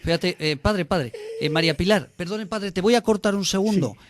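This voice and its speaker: A male radio host who keeps the conversation moving and cuts in to ask the next question. His voice sits slightly high, and the sound is dry with no room echo. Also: a little fast. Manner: lively, interrupting to steer the talk. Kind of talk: radio interview.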